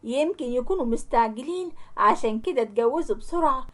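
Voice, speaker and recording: Soothing young Egyptian husband read by a woman, high-pitched and placating. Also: expressive, fast talker. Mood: calm reassuring. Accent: Egyptian Arabic. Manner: soft, reassuring and placating.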